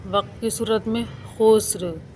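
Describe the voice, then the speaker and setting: Casting: woman recitation teacher, slow and patient, flat even delivery, faint traffic noise behind. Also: mid-range voice. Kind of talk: slow step-by-step tajweed lesson.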